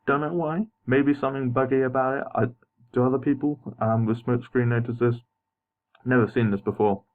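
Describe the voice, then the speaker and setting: This gameplay narrator is a young man whose braces slightly blur his articulation. Speaking fairly quickly in a mid-range voice with fairly even intonation, he offers casual, hesitant, apologetic commentary, unscripted and recorded as a voice-over over game footage in a muffled, phone-like home setup.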